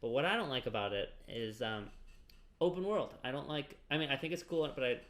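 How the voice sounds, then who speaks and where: A man's voice: mid-range voice, animated, a little fast, fairly bright tone. A man co-hosting a casual gaming podcast, talking in rambling runs full of fillers and restarts. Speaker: podcast co-host.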